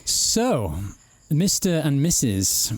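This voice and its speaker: A man's voice: on the high side, drawn-out words, no room sound. A British man hosting a podcast, chatting casually and teasing his guests. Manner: playful, teasing, lively questioner. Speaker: podcast host. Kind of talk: casual interview chat. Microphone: headphones and studio mic.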